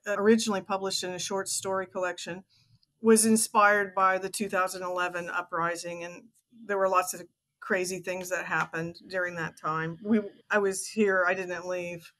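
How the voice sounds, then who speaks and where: This woman's voice sits on the low side yet has a fairly bright tone, and she speaks at a normal speed with a flat delivery. She's in her sixties, from Texas, with an American accent, chatting conversationally as a podcast guest who is an author and teacher.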